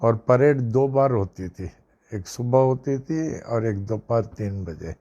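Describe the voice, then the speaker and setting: Slow, low-toned older male guru. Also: lively intonation, mellow, dull audio. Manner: slow, repeats phrases, mixes in English. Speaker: spiritual teacher. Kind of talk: devotional discourse with storytelling.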